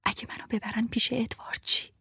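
A woman's voice: on the high side, expressive, breathy edge, no echo, studio quality, voice pushed up. A woman voicing a frail, feverish young woman who is frightened but stubborn, in a whispered role-play. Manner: frightened hushed refusal.

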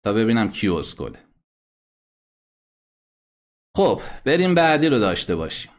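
A man's voice: lowish voice, big pitch swings. Blunt, combative male broadcast host. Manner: blunt and combative, scolding and insulting critics. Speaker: host of a satellite call-in program. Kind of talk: live broadcast hosting, playing listener messages.

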